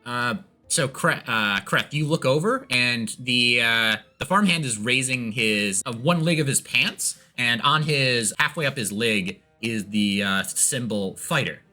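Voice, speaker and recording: A man narrating as game master of a tabletop game, halting with many restarts. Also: mid-range voice, pushed and bright, soft background music.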